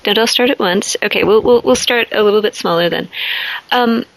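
A woman's voice: medium pitch, brisk, vocal fry, low-quality recording. A woman hosting a podcast panel, moderating in a conversational way and guiding the talk with questions. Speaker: podcast host.

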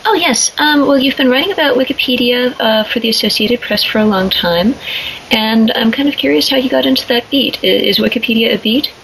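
A woman's voice: fairly high pitch, brisk, a bit bright, slight background noise, low-quality recording. A woman hosting a podcast panel, moderating in a conversational way and guiding the talk with questions. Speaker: podcast host.

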